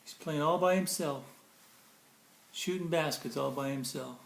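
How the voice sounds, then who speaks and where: A storybook reader with a somewhat high, gravelly voice reads a children's picture book at a slightly slow pace. He performs it theatrically and playfully, tossing in casual comments about the pictures. The room has a noticeable echo and faint background noise.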